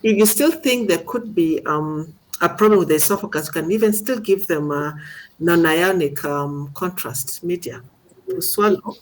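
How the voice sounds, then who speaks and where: A middle-aged woman with a fairly low voice teaches radiology in a casual seminar, walking through the material step by step and posing questions as she goes. The recording is rough.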